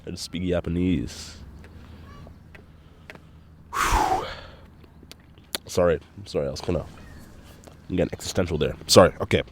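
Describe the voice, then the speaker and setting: A man's voice: low voice, steady tone, measured pace, pauses often, noisy background. A young man with a congested, nasal voice, rambling casually and swearing often as he hosts his own podcast. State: congested nose. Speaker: solo podcast host.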